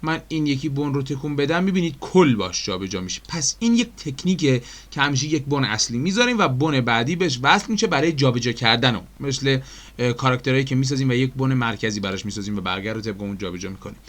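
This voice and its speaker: A man's voice: mid-range voice, lively intonation, a bit bright. A man with an Iranian Persian accent giving a chatty screen-recorded animation tutorial, explaining step by step with frequent fillers and questions to his viewers. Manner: addresses viewers as dear friends.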